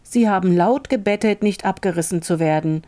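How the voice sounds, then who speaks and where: A woman's voice: medium pitch, brisk, dark tone, natural voice. A woman voicing a flustered young maid who defends herself in a storybook reading. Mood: defensive. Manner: defensive, pleading.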